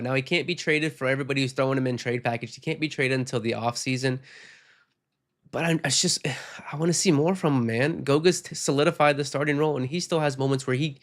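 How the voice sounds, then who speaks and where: A sick man who is losing his voice hosts a casual postgame podcast, reading viewer comments aloud and giving frank, rambling opinions. His voice sits at a medium pitch with a fairly bright tone.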